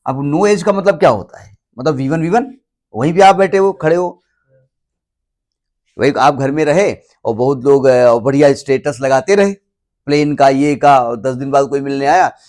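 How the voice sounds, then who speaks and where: A man's voice: medium pitch, moderate pace, darkish tone. Chatty male maths teacher. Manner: chatty, repeats points, mixes in English terms; stops often to check that students understand. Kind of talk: classroom lecture.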